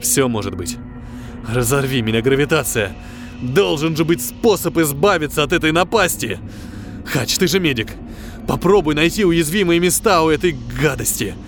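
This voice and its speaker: A man's voice: a little high, expressive, normal speed. Commanding spaceship pilot , acted by a male reader, tense and firm, audiobook sci-fi, faint music underneath. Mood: firm, irritated. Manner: urgent, firm orders. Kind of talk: science fiction audiobook.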